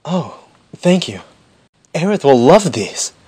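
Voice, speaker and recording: A man voicing a shy, awkward teenage boy who speaks hesitantly, with pauses, in a fan audio drama. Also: a little high, sing-song, dark tone, slightly rough, no room sound, exaggerated voice. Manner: hesitant, halting.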